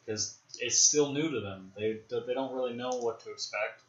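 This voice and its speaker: A man's voice: medium pitch, normal speed. A young man hosting a podcast, chatting casually about films, rambling and speculating with many fillers. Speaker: podcast host. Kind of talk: casual film discussion. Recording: roomy, dull lo-fi podcast audio.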